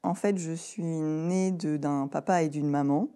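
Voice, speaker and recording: A woman in her thirties from southern France, chatting as an interview guest, laughing often and filling pauses with "euh". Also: low-pitched, steady tone, dark tone. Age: 30s. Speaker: guest, co-founder. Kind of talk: casual interview.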